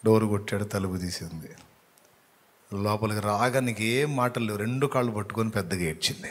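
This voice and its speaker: A male pastor tells a sermon story in a low, slightly husky voice. He acts out the people in the story, swinging from hushed lines to loud, urgent bursts. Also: brisk. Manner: dramatic storyteller, acting out quoted voices with sudden loud rises.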